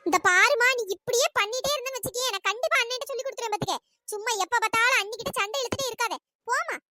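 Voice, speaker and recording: Stern young daughter in a cartoon, voiced by a performer, reproachful, bright voice. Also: very high-pitched, very fast, no room sound, full character voice. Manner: firm, reproachful. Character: firm young daughter, defending her sister-in-law. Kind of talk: cartoon voice acting.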